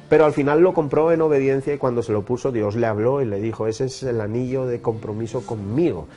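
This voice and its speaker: A man's voice: medium pitch, warm tone. A man giving an earnest personal testimony as an interview guest, acting out the dialogue of his story. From Brazil.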